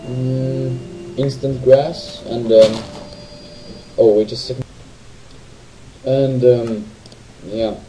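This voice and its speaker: A gamer offers rambling, casual let's play commentary while playing, frequently tossing tag questions to viewers over faint game music. His mid-range voice is level and dark, with drawn-out words and long pauses, and the audio quality is poor.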